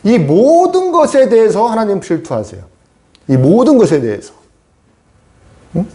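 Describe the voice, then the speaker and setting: A male pastor giving a lively sermon. He keeps asking the congregation questions and acts out the voices he quotes. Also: high-pitched, a little slow, slight background noise.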